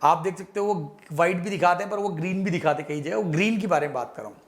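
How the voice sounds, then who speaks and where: A fairly high-voiced man teaches chemistry at a rapid clip. He fills the lesson with playful jokes and memory tricks and keeps calling his students beta. He slips English phrases into his Hindi as he talks. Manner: playful, jokey mnemonics, calls students beta. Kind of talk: fast-paced exam revision lecture.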